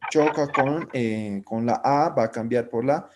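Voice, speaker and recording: In a live online class, a man teaches a language, explaining patiently and checking with short tag questions that students follow. His mid-range voice is a little mellow, and he speaks unhurriedly.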